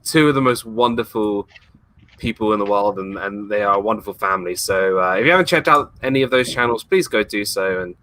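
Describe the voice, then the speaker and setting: A man's voice: lowish voice, fairly quick, sharp tone. A man being interviewed on a casual livestream, talking enthusiastically and rambling with frequent laughs. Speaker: guest, YouTuber and former theme park worker.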